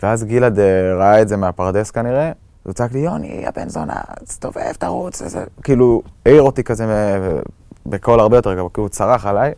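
A young man from Israel tells what he lived through in a halting, shaken way, breaking off and restarting. His voice sits fairly low. The sound is close and dry, with no room around it. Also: mellow, smooth, no room sound. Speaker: eyewitness recounting an attack. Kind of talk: personal testimony.

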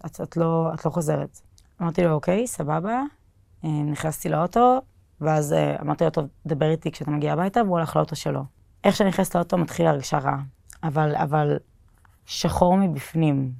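Telling her own story plainly and casually, a young woman with a deep, darkish voice and vocal fry quotes herself and others, often using fillers and restarting sentences. The recording is a clean studio sound without room noise.

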